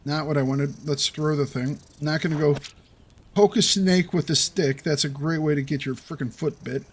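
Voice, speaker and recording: A man's voice: on the high side, normal speed, a little hiss or hum. A young adult man giving playful let's play commentary, taunting the animals in his game. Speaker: gaming video host.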